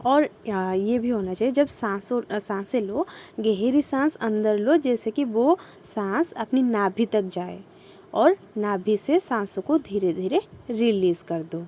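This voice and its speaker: A woman's voice: medium pitch, expressive, unhurried, warm tone, slight background noise. A young adult woman giving a casual meditation lesson, patient and repetitive, with frequent fillers. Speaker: meditation instructor. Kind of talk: casual spoken meditation tutorial.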